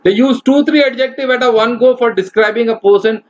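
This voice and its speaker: Higher-voiced man giving a webinar talk. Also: a little fast, poor audio. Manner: instructive and direct, addressing the audience as guys. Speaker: corporate trainer. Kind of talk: webinar lecture.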